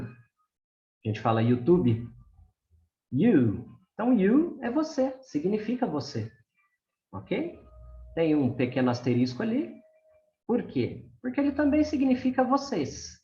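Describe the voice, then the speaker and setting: Slow, lively teacher in a roomy space. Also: male voice, a little high. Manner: patient, keeps checking in with the class. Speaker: English teacher. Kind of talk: explaining grammar to beginners. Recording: roomy, slightly dull recording.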